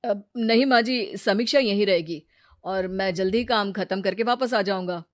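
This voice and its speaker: A woman voicing a sensible grown man, a brother-in-law who talks patiently and gently lectures. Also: medium pitch, normal speed, natural voice. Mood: calm.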